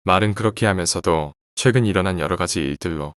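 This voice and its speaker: A middle-aged man narrating a first-person horror story in a measured, grave way, also speaking his own character's lines. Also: low-pitched, a bit bright, dry recording, studio quality.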